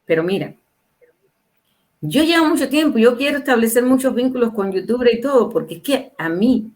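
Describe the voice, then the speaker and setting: A woman's voice: fairly high pitch, lively intonation, normal speed, a little mellow. A woman in her sixties, a guest on a livestream interview, talking in a casual, opinionated way and asking her listeners rhetorical questions. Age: 60s. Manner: emphatic, asks the audience rhetorical questions.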